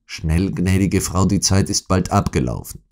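A man voicing a calm, commanding detective who speaks briskly and quietly, in an audiobook reading. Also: low-pitched. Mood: hurried. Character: calm, commanding male detective, middle-aged.

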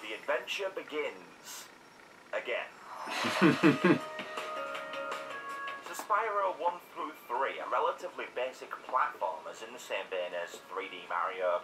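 A man narrating a scripted critical game review in a sarcastic, opinionated way. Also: lowish voice. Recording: echoey room, distant mic, faint noise.

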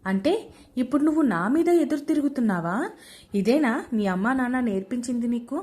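A woman voicing a sharp-tongued middle-aged mother-in-law who scolds loudly and taunts. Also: mid-range voice, moderate pace, natural voice. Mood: scolding. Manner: loud and taunting.

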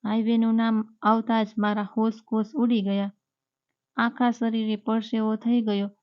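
A woman narrating a scripted first-person story in a steady, even reading voice. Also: fairly high pitch, unhurried. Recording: dull lo-fi recording.

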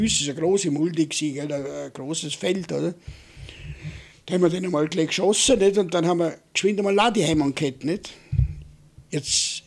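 Gravelly old Vorarlberg veteran recalling. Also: male voice, high-pitched, darkish tone. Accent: Vorarlberg Austrian German. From Vorarlberg, Austria. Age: older. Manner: halting, repeats words and keeps adding "nicht?". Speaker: war veteran interviewee. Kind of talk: oral history recollection.

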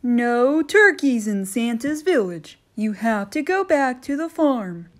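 A woman's voice: on the high side, sing-song, takes it slowly, voice pushed up. A woman voicing a bossy Christmas elf who firmly turns visitors away. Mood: stern. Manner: stern, commanding, firm.

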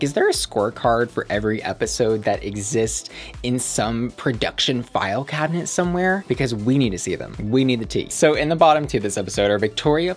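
A young adult man, a sassy, campy drag queen hosting runway review commentary with slangy asides into a close microphone. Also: mid-range voice. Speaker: drag queen host of a reaction show. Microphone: close studio microphone.

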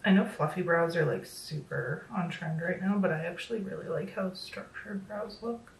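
A creaky, lowish voice at a moderate pace belongs to a woman in her thirties doing a casual makeup tutorial at home. Slightly losing her voice, she sounds a little worn, chatting with plenty of fillers and self-deprecating remarks. The recording carries roomy echo from the small room and a bit of mic distance.

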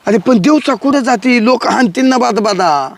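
A man playing a cautious, coaxing young village lover in a comedy sketch, who pleads with his girlfriend and gets excitable. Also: very high-pitched, normal speed, gravelly, full character voice. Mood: pleading.

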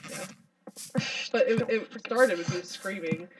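A woman's voice: medium pitch, measured pace, a crowd in the background. A young woman playing along with her friend, chatting casually and laughing at her own slips of the tongue. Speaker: co-player friend. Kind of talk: casual gameplay chat. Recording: distant mic with loud background noise.

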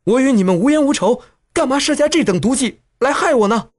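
Male narrator as high, indignant young heroine, audiobook read. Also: huge pitch swings, fairly quick, husky, heavily acted. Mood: alarmed. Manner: indignant, earnest. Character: upright young woman swordfighter.

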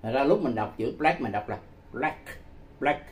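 A man giving a casual spoken language lesson, repeating phrases slowly and patiently and chuckling often. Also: medium pitch, lively intonation, a little hiss or hum. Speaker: English teacher.

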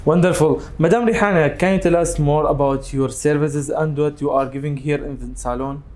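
A man's voice: fairly high pitch, fairly even intonation, darkish tone. A man hosting a TV business interview, asking questions in English and praising each answer with enthusiasm. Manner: upbeat, repeats "amazing", fast formal Arabic intros. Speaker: show host, interviewer.

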